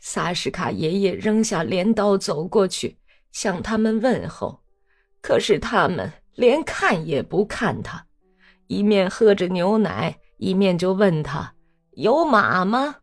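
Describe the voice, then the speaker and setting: A woman's voice: fairly low pitch, expressive, a little slow, darkish tone, soft background music. A woman reading a novel aloud as an audiobook, telling the story expressively. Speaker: audiobook reader.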